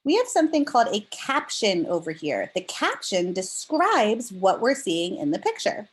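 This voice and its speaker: A woman leads little kids in a read-aloud lesson in a sing-song, medium-pitched voice, making her explanations simple and her reading deliberately expressive.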